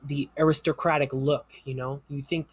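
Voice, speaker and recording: A man's voice: a little high, level tone, normal speed, slightly rough, dry recording. Conversational male history teacher. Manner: explanatory, conversational, with fillers and asides. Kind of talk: recorded history lecture.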